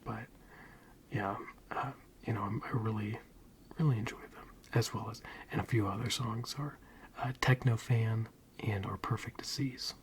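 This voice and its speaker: A man giving a soft-spoken ASMR ramble in a breathy, mostly whispered voice, soothing and hesitant. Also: fairly low pitch, fairly even intonation, normal speed, background noise. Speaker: ASMR video creator.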